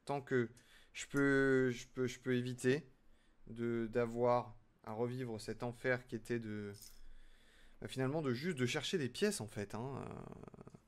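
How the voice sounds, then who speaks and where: While building on stream, a young man talks with his chat in an unhurried, mid-range voice. He is casual and chatty, and he often mocks himself.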